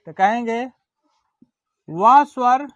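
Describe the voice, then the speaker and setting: Slow, deliberate teacher dictating notes. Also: mid-range voice, lively intonation, dry recording, lo-fi sound. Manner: slow and deliberate, repeats words and checks understanding; drawls vowels aloud as examples. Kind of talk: Hindi grammar lesson, dictating definitions.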